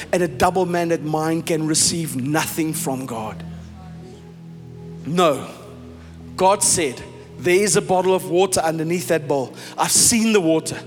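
A South African pastor preaching a sermon emphatically, sometimes mixing in Afrikaans phrases. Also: male voice, high voice. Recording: reverberant hall with soft music.

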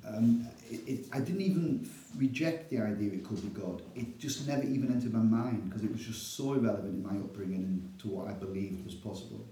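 Chatty Northern English man, dark voice. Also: fairly low pitch, a little fast, few pauses, roomy sound, rough recording. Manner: chatty, self-deprecating, laughs often. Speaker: church elder, interview guest. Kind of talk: casual storytelling interview.

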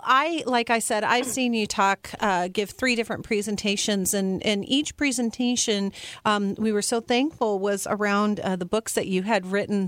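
A female host introduces and chats with her guest in a keen, casual way, often restarting her sentences. Her voice is dry and close, at a mid pitch. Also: no room sound. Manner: eager, halting with fillers and restarts. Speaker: podcast host. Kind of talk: casual interview hosting.

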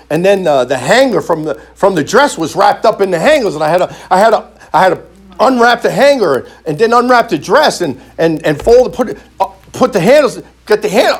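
Animated storytelling preacher man. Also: high-pitched. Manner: animated, repeats phrases for emphasis; frequent stammered restarts. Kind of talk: storytelling sermon.

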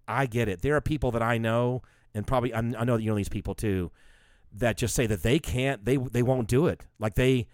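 A man's voice: mid-range voice, brisk, no room sound, clean studio sound. A man in casual conversation who rambles and swears freely. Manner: rambling, profane, animated. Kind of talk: casual chat.

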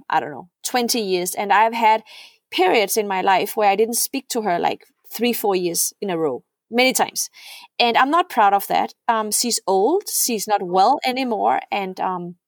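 A middle-aged Danish woman appears as a guest on a heartfelt podcast, speaking earnestly in a mid-range voice. She often repeats words and checks in with "right?", and the studio sound is clean with no echo.

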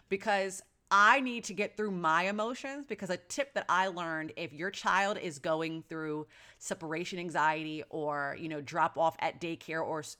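A woman in her thirties speaks with a bright, forceful tone pitched a little low. She tells a personal story as a mother in an earnest, reflective way, stopping to restart her sentences and filling gaps with "you know.". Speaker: mother sharing parenting experience.

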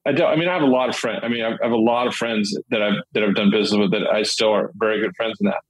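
Rambling husky-voiced man telling deal stories. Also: on the low side, steady tone, racing, dry recording, rough recording. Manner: rambling, with many restarts and fillers. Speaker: guest, commercial real estate dealmaker. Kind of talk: casual interview storytelling.

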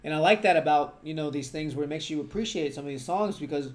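A man's voice: a little high, quick pace. A young man in casual chat as a podcast co-host, tipsy after a few beers, blunt and swearing casually, with lots of "like".

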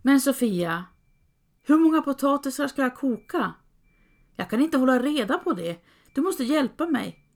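A woman's voice: high voice, sing-song, pitched above the performer's own voice. A woman voicing an anxious, flustered peasant mother who talks in a fretful, pleading way.

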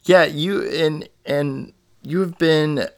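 A man's voice: fairly high pitch, takes it slowly. A man hosting a podcast, chatting casually with a guest and often restarting his sentences. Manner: chatty, rambling with many restarts. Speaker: podcast host. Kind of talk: casual interview chat.

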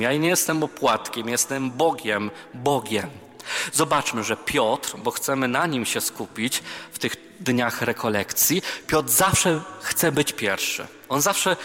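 Bright and forceful at a medium pitch, a male priest addresses a youth retreat in a spacious chapel. He blends Bible passages with humble, self-mocking anecdotes in a chatty style, and the recording carries hall reverb and soft music.

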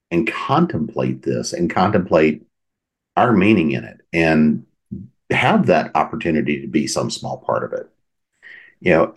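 Man, middle-aged, low deep voice, earnest, reflective solo podcast talk. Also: a little mellow. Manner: thoughtful, earnest, asks many questions. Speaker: podcast host.

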